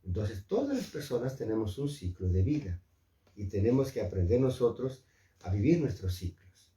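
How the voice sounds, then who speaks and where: A man preaching a devotional Bible lesson, lively, repeating his phrases and adding questioning tags. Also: medium pitch, moderate pace, far from the mic. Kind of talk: morning devotional Bible teaching. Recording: echoey room, voice set back from the mic.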